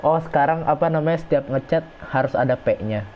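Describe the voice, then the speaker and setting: A man's voice: fairly high pitch, fairly quick. Guy streaming a footy game, chatty, muffled lo-fi audio. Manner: chatty, reacts to plays and reads chat aloud. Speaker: gaming streamer. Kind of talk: casual live game commentary. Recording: dull lo-fi stream audio, faint noise.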